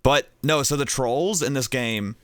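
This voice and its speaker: A man's voice: mid-range voice, a little slow, no room sound. A young man streaming a game, chatting casually and rambling, getting distracted as he goes. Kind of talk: casual gaming chat.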